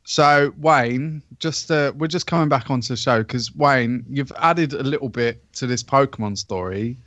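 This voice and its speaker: A man ribbing his co-hosts on a podcast, blunt and crude with his swearing. His voice is mid-pitched for a man and sounds dry and close. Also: normal speed, fairly bright tone, no echo. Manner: teasing, blunt, swears freely. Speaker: podcast co-host. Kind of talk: casual banter.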